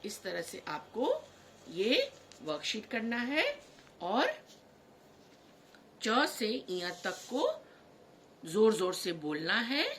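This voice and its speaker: A woman's voice: medium pitch, sing-song, drawn-out words, long pauses, fairly bright tone, a little hiss or hum. A woman teaching a kindergarten class, walking young children through a worksheet in a patient, sing-song way and stressing each letter. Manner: talks straight to the children.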